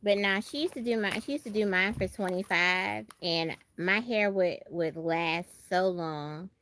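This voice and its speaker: Speaking at a measured pace in a mid-range, slightly bright voice, this Brooklyn woman chats casually as a livestream host. Her American accent leans country Southern, she's expressive and repeats herself for emphasis, and a little background noise is present.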